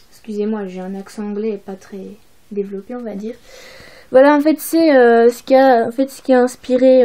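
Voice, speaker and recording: A young woman talks through her souvenirs in a casual home haul video. She hesitates often, filling gaps and restarting phrases. Her voice sits a little high yet sounds soft and mellow. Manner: hesitant, many fillers and restarts. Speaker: vlogger.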